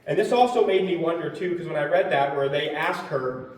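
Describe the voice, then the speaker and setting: A man's voice: on the high side, a little fast. A man casually teaching a Bible study, retelling the story in a conversational, emphatic way with fillers. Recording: echoey room from far off, faint noise.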